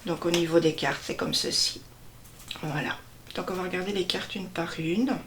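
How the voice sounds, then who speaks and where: A woman slowly presenting a deck of cards one by one, hesitating often and stressing each card name. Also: fairly low pitch, background noise. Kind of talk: casual card unboxing walkthrough.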